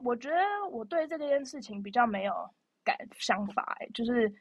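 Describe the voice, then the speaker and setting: A young woman co-hosting a podcast, telling stories in a chatty, animated way with lots of fillers. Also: fairly high pitch, moderate pace, slightly rough, dry recording. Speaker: podcast co-host. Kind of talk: casual chat.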